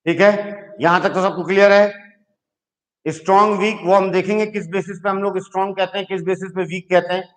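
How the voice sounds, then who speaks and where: In a classroom lecture, a man with a high-sitting, flat voice teaches chemistry a little fast, explaining step by step. He patiently checks in with his students using "ठीक है." The recording quality is low.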